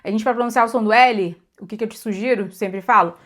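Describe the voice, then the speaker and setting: A woman's voice: a little high, quick pace. Chatty Brazilian woman teaching English. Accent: Brazilian Portuguese. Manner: chatty, repeats words for emphasis, asks "tá?". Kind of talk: casual spoken lesson.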